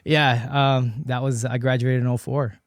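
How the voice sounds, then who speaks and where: A man's voice: medium pitch, flat delivery, normal speed, no echo, studio quality. A man in his late thirties, born in the Philippines and raised in Hawaii, telling his story as a podcast guest in a loose, chatty way full of fillers and restarts. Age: late 30s. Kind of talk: casual conversational interview.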